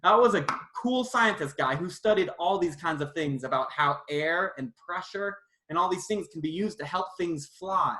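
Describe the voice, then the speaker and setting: Speaking at a moderate pace with hardly any pauses, this science presenter has a mid-range voice and a sharp tone. The setting is an indoor room with a roomy echo, where the presenter chats informally and playfully with kids during a live online demonstration.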